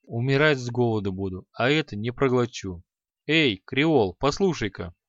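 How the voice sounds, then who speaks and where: A man's voice: medium pitch, expressive, moderate pace, no room sound, natural voice. A good-natured young apprentice speaks mildly and agreeably , as a man reading an audiobook plays him. The sound is dry and a bit dull. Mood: easygoing. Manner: mild, agreeable.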